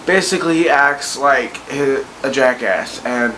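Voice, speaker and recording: Man, drunk, rambling vlog rant, sweary, incredulous, medium pitch, faint background noise. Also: measured pace, sharp tone, low-quality recording. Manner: tipsy, loose, incredulous ranting. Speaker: vlogger ranting about bad movies. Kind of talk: casual, rambling, profane movie rant.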